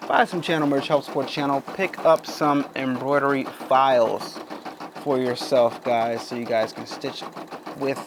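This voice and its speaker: A man's voice: mid-range voice, fairly even intonation, normal speed. A man hosting a casual embroidery how-to, chatting to viewers as he works and often calling them guys. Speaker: embroidery channel host. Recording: sewing machine noise in background. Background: running embroidery machine.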